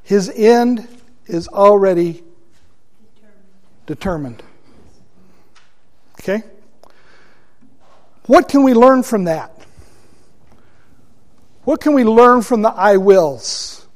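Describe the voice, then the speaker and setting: A man teaching a Bible study class, deliberate and asking his listeners questions. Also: high voice, animated, darkish tone.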